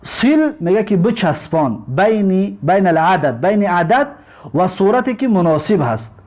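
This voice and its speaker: A man with a fairly high voice gives a recorded Arabic lesson, explaining patiently. He says each term slowly, then repeats it with its meaning. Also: big pitch swings, a little mellow. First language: Tajik. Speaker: Arabic language teacher.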